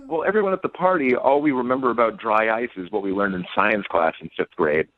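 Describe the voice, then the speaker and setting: A man with a lowish voice calls in on a phone line and talks fast, telling a casual, self-deprecating dating story.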